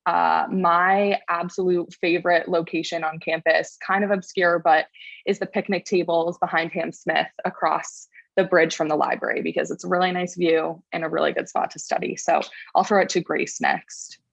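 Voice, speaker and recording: A woman's voice: fairly low pitch, level tone, normal speed, gravelly, no echo. A young woman from Rhode Island hosting a casual livestream Q&A over a video call, welcoming and organized. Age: young adult. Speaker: panel moderator. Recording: dull, dry lo-fi call audio.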